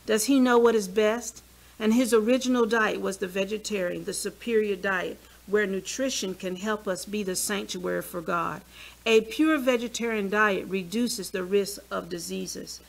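At a podium mic in a small church hall, a woman in her sixties talks about health in a gravelly, mid-range voice at a moderate pace. She's lively and chatty, drawing the audience in with questions.

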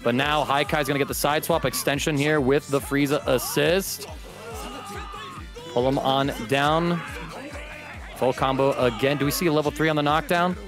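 Hyped up guy calling a fighting game match, loud game music under him. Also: on the high side, moderate pace, long pauses. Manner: excitable, shouts and jokes. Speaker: esports commentator. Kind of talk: hype play-by-play commentary.

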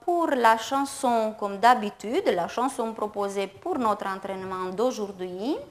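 Slow, careful woman teaching French. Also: medium pitch. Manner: slow, careful enunciation of syllables and words; repeats each phrase in two languages. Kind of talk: bilingual TV lesson, French with Romanian translation.

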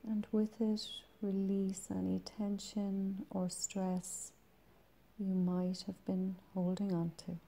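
Very mellow, soft-spoken woman guiding meditation. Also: mid-range voice, completely flat delivery. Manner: soft, breathy, soothing delivery with long pauses. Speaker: meditation guide. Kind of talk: guided meditation.

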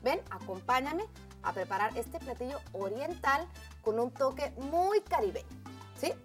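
At a measured pace, a cooking show host with a fairly high voice and lively intonation guides the viewer through each step in a cheerful, warm way. Faint music sits beneath her voice while a pan sizzles nearby.

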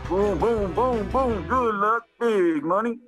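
A man with a high voice talks casually as a game show contestant on a video call. Music plays clearly behind him. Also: slow pace. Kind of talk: casual excited chat.

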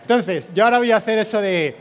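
A man with a Spain Spanish accent giving a motivational conference keynote, speaking energetically to a live audience and tagging his phrases with quick "eh?" and "no?". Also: sits high, long reverb tail. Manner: energetic, peppers speech with "¿eh?" and "¿no?" tags; addresses and rallies a live audience. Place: conference stage before an audience.

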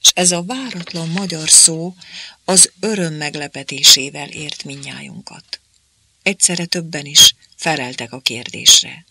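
A man narrating a novel as an audiobook, in steady, plain storytelling. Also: a little high, husky, dry recording.

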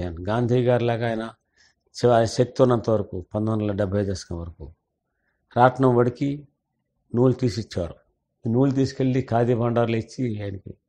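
A man's voice: mid-range voice, dark tone. An older man and senior journalist, earnestly telling a family story in an interview and mixing in English words.

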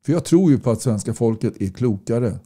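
A man's voice: mid-range voice, lively intonation, dark tone. A man campaigning in casual talk to camera, blunt and folksy, pressing his points with repeated rhetorical questions. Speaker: political campaigner. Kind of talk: casual direct-to-camera talk reading viewer comments.

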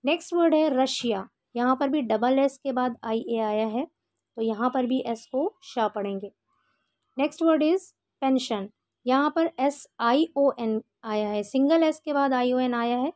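An Indian woman teaching English pronunciation, explaining rules slowly and patiently, step by step. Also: fairly high pitch, darkish tone, dry recording. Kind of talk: explaining a lesson in Hindi.

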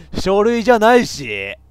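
A man with a giving excitable let's play commentary on a horror game, reacting loudly and laughing often. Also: sits high, takes it slowly, clear, resonant tone, dry recording. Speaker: VTuber game streamer.

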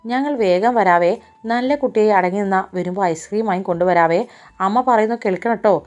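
A woman's voice: medium pitch, a little fast, a little mellow, lo-fi sound, faint music behind, natural voice. A woman voicing a playful, clingy young woman with a childlike mind, sing-song and coaxing.

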